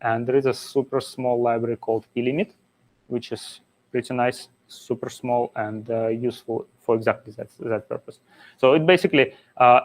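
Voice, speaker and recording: Man giving a technical meetup talk. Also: medium pitch. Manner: explains step by step with frequent "uh" fillers. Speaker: conference speaker. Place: meetup venue.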